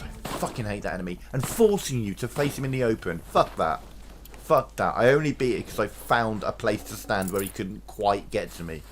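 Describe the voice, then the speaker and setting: A man's voice: fairly low pitch, slight background noise. A man streaming a video game, grumbling and swearing his way through a profane rant. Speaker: gamer streaming a let's play. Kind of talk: let's play commentary. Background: game music.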